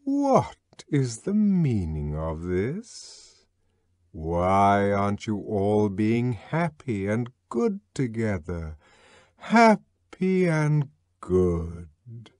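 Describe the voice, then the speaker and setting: A man voicing a synthetic loudspeaker voice that pleads tenderly, soft and hushed, sinking toward a whisper. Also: on the low side, wildly swooping pitch, very slow, no room sound, studio quality, heavily acted. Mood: tenderly pleading.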